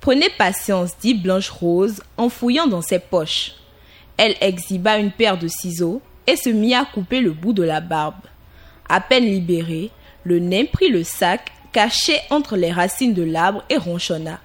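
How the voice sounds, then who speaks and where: A woman reads a fairy tale aloud in a calm, deliberate storybook style. Her pace is unhurried and her pitch sits in a middle range. Soft music plays faintly behind her voice. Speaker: narrator.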